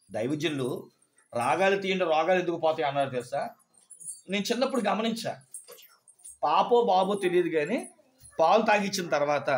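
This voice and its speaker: A male pastor with a high voice preaches a sermon, telling stories and asking questions of his listeners. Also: fairly bright tone. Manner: storytelling, asking the congregation questions.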